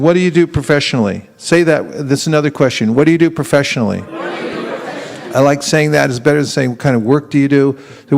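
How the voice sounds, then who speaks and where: A man with a slightly higher-pitched voice is teaching a live seminar. He keeps throwing questions at the room and slips into little acted-out exchanges to show how a conversation goes. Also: gravelly, darkish tone. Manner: keeps quizzing the audience with questions; acts out street exchanges in quoted voices.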